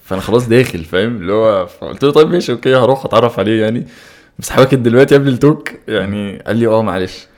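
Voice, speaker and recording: A man's voice: on the low side, rapid-fire, a little mellow. A man with an Egyptian Arabic accent chatting casually as a guest, easygoing and dropping in English words. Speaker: podcast guest, travel vlogger. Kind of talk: casual chat.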